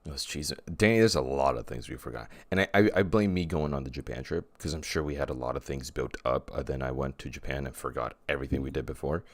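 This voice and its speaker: A man's voice: a bass voice, fast talker, hardly any pauses, dry recording. A man co-hosting a casual chat podcast, rambling and often restarting his sentences. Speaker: podcast co-host.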